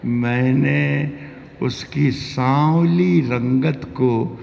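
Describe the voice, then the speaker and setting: A man recites romantic shayari in a markedly creaky voice, drawing out and repeating ghazal lines with dramatic swells. His declamation rings through a long hall reverb, and the recording is muffled with faint noise. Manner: dramatic, drawn-out declaiming that swells high and loud. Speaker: Urdu poet reciting at a mushaira. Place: poetry gathering with audience, reverberant hall.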